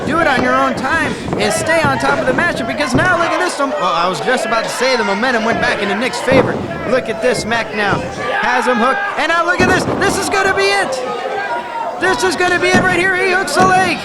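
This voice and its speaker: High-pitched excitable male wrestling commentator. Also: a little fast. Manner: excitable, emphatic. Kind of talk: wrestling commentary, calling moves as they happen. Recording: loud crowd noise behind. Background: wrestling event crowd.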